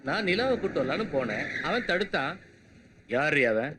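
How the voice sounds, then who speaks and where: A man's voice: on the high side, big pitch swings, moderate pace. An actor dubbing a scheming man who bosses his family around in a commanding, pushy way, with film music behind. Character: scheming grown man pushing to claim his niece. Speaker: dubbed film character. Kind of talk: dubbed film acting.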